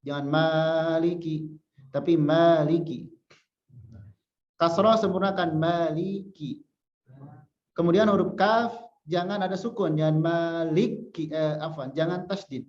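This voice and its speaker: Slow, patient male religious teacher. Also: fairly high pitch, fairly even intonation, darkish tone. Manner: patient, repeats syllables to demonstrate pronunciation; chants example verses slowly. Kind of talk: Quran recitation lesson. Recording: echoey room, dull lo-fi sound.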